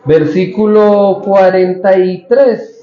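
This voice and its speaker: Male pastor, unhurried conversational sermon with questions to the pews and acted-out scripture lines; roomy, a bit dull, faint room noise. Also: high voice, fairly even intonation. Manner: conversational, asks the congregation questions; acts out the Bible figures' lines in quoted voices. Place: church hall. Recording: roomy, slightly dull church recording.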